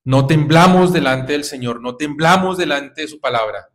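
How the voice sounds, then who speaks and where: A man's voice: on the high side, normal speed, fairly bright tone. A man preaching a sermon to his congregation, exhorting them with repeated rhetorical questions and calls of "brothers". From Colombia.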